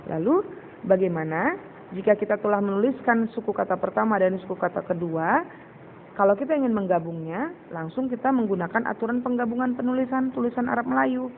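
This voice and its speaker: A woman teacher giving a patient recorded lesson to children, slowly sounding out syllables and repeating words. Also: mid-range voice. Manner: addresses pupils as "Nak". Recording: tinny phone-like recording with faint hiss.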